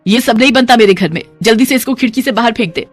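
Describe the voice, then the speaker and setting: A woman's voice: fairly high pitch, fast, soft background music, pitched above the performer's own voice, natural voice. A woman voicing an exasperated middle-aged mother-in-law who scolds and frets.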